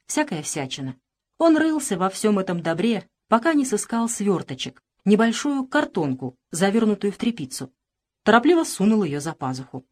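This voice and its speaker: A woman narrating a literary audiobook in an expressive, measured storytelling manner. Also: mid-range voice.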